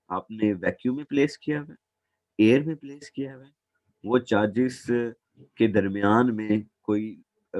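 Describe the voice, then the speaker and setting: A man's voice: medium pitch, a little mellow, dry recording. A man teaching a physics lesson as a classroom lecture, patient and repeating points, calling his students "beta".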